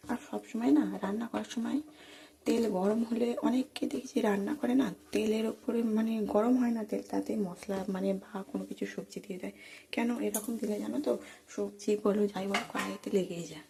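A middle-aged woman keeps her voice low, half whispering, as she shows her cooking at dawn. Her tone is gravelly and stays flat. A steady hiss of noise sits under a home phone recording. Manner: speaking softly, half whispering so as not to wake the family. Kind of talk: quiet early-morning kitchen vlog. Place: home kitchen, indoors.

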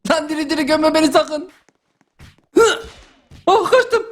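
A young man doing a comic dub over gameplay, excitable and yelling in slang. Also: very high-pitched, a little slow. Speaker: gaming YouTuber.

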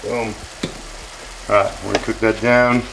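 Over a sizzling frying pan in his home kitchen, a cooking show host in his forties cracks profane jokes with a brash attitude. He speaks at a moderate pace in a lowish, creaky, flat voice, with noise in the background.

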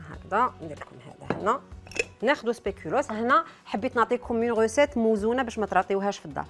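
A woman's voice: on the high side, expressive, very fast, music in the background. A woman with an Algerian accent presenting a cooking demonstration, chatting straight to her viewers with frequent asides.

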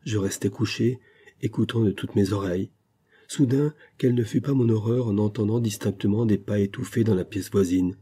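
A man narrating a classic detective story as an audiobook, in a measured, steady storytelling voice. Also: lowish voice, husky. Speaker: audiobook reader.

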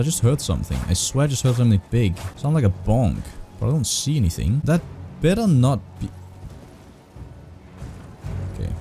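A man giving excitable, profane gameplay commentary through a heavily compressed desk mic, often jumping up into high shrieks. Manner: excitable, swears a lot, jumps into high shrieks. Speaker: gaming video creator.

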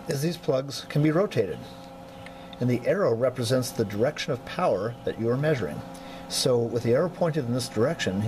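A man with a mid-range voice gives a methodical, hands-on instructor's demonstration of electronics test equipment at a workbench. He clears his throat occasionally, and the indoor workroom has a noisy background.

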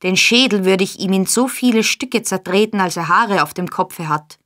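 A woman's voice: medium pitch, moderate pace, fairly bright tone, close to an everyday voice. Woman doing a brutal robber in a storybook, curt and harsh. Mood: raging. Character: violent, raging male robber.

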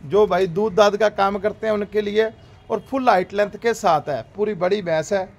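A man, hosting a dairy farm video, giving a repetitive, upbeat livestock sales pitch outdoors in a cattle yard, recorded on a handheld phone. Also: moderate pace. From Rajasthan, India.

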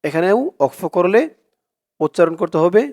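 A man with a high-pitched, darkish voice gives a tajweed lesson on Quran recitation. In a Bangladeshi Bengali accent he spells out each letter and vowel mark, then chants the verse in a slow, drawn-out way.

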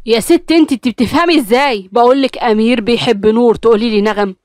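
A woman's voice: high-pitched, expressive, fast, no echo, clean studio sound, pitched above the performer's own voice. A woman with an Egyptian accent voicing an irritated middle-aged father in an audio story. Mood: exasperated. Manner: exasperated, loud.

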